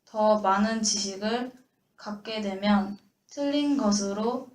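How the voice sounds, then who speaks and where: A woman's voice: mid-range voice, slow pace, a little mellow. A young female student from Daejeon, reading aloud in class, careful and a bit hesitant. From Daejeon, South Korea. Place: lecture room. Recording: echoey classroom, faint hiss.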